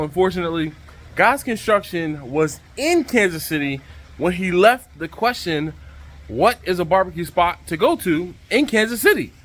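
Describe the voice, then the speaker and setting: A man hosting a casual vlog to camera, speaking outdoors over the rushing water of a waterfall by a pool. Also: sits high, a bit bright. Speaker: vlog host.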